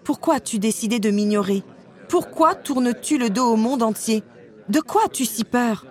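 A woman voicing an eager, impulsive young princess in a storybook reading, with a bright pleading delivery. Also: sits high, normal speed, voice pushed up, lightly acted. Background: music.

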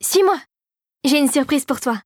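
An eager young girl queen full of plans, as a woman reads her. She speaks high and bright in a storybook reading, with a dry, close sound. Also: expressive, moderate pace, no room sound.

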